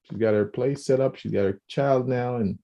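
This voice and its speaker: A man co-hosting a podcast, talking in a casual, animated way, often restarting and repeating words and acting out quoted speech. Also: mid-range voice, moderate pace. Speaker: podcast co-host.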